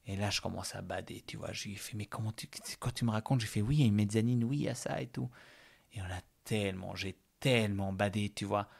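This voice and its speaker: Man, podcast guest, casual storytelling, chatty, gravelly voice. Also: lowish voice, fast talker, a little mellow. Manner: chatty, many fillers and verbal tics. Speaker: guest telling a personal story.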